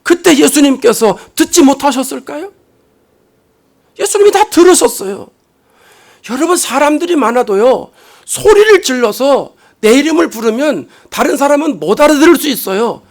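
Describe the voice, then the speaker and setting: Brief: male pastor, very high gravelly voice, emphatic sermon delivery with sudden hushed drops. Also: big pitch swings, moderate pace. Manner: swings between loud emphatic rises and quiet low asides; acts out quoted lines dramatically. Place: church sanctuary.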